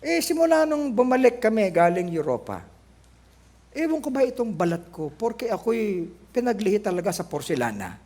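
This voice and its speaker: A male pastor with a Filipino accent preaching a sermon, animated and joking, mixing in English phrases, his voice lower than usual. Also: moderate pace. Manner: animated, joking, switching between Tagalog and English. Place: church.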